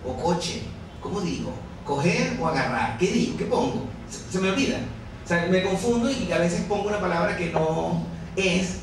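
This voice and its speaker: At a busy café, a Venezuelan novelist in his forties talks up his book to the audience at a moderate pace, his high voice full of lively intonation. Chatty, self-mocking and quick to laugh, he's recorded from afar in an echoey room amid noisy crowd chatter.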